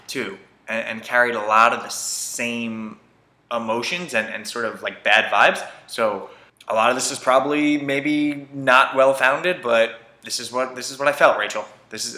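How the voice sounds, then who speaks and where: A young man giving an opinionated, casual recap of a reality dating show, swearing freely and peppering his talk with "like" and quick restarts. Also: medium pitch, bright, forceful tone, roomy sound.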